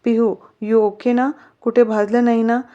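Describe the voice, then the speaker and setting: Woman doing a protective young husband, quick temper, storybook, high mellow voice, dull recording. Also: flat delivery, lightly acted. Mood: tender. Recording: slightly muffled recording.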